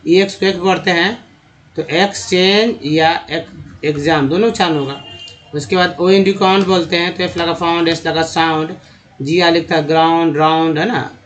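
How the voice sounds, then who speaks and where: A man with a Hindi accent teaching how to read English from slides, on the higher side for a male voice. He breaks words into parts and sounds each one out slowly, repeating words several times. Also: fairly bright tone, highs cut off. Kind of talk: slide-based phonics lesson.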